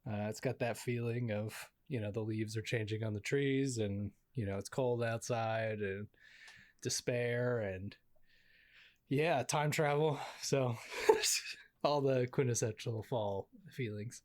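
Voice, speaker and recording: A man's voice: mid-range voice, steady tone, slow, darkish tone. A man in casual podcast chat, making dry, wry remarks.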